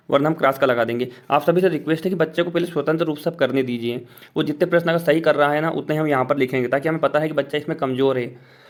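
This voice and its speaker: A man talks other teachers through an assessment worksheet point by point in a casual voice-over walkthrough. His voice sits a little higher than most men's, and he talks very quickly. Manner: explains step by step, pointing at a sheet.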